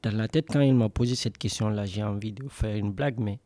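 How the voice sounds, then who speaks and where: Young guy from west africa telling his story, low mellow voice, dry sound. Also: a little fast, no room sound. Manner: casual, conversational, acts out dialogue. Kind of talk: personal storytelling on radio.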